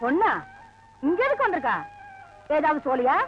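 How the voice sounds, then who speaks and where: An actress playing a proud, stubborn old village grandmother, scolding gruffly in a film scene. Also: sits high, expressive, moderate pace, soft background music. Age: older. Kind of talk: film acting. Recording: dull lo-fi film audio.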